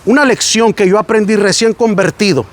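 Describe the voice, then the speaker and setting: Mexican pastor guy preaching, kinda high voice, acts out the people in his stories. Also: brisk. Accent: Mexican Spanish. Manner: animated storytelling, acting out quoted voices. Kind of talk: sermon on a site visit.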